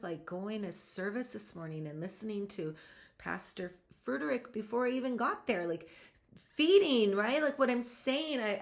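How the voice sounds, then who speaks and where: Female podcast host, mid-pitch with vocal fry, chatty and emphatic motivational delivery. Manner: energetic, emphatic, rising to excited outbursts; chatty, addresses listeners directly. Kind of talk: motivational solo podcast talk.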